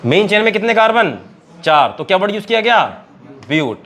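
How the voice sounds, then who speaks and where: A man's voice: high-pitched, big pitch swings, fairly quick, a bit bright. A man with an Indian Hindi accent teaching chemistry naming, asking students question after question and calling them beta. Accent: Hindi-speaking Indian. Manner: keeps quizzing students, calls them beta. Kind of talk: classroom lecture at a board.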